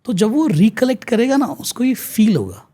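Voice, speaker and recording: Appearing as a guest in an interview, an Indian man lays out his ideas earnestly, almost like a teacher. His husky, mellow voice swoops up and down a lot, and he moves easily between Hindi and English. He's very animated and keeps a moderate pace.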